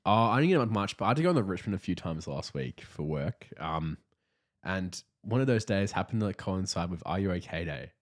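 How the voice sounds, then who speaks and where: A man's voice: deep voice, animated, fairly quick. A young man co-hosting a casual sports podcast, offhand and hesitant. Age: young adult. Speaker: podcast co-host.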